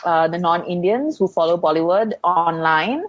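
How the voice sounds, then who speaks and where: Podcast co-host: a woman, chatty and filler-heavy, lowish voice, muffled lo-fi sound. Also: expressive, moderate pace. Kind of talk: casual chat.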